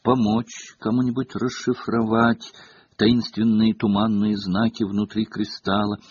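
A man voicing a dreamy, eccentric older woman seer who teaches, speaking in a hushed, slow, mystical way. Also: lowish voice, sing-song, slightly rough, no room sound, heavily acted. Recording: dull lo-fi cassette audio.

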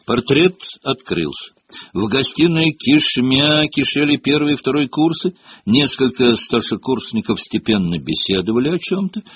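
A man reading an audiobook with expressive storytelling. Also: medium pitch, normal speed, slightly rough, no echo. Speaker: audiobook narrator. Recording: dull lo-fi audio.

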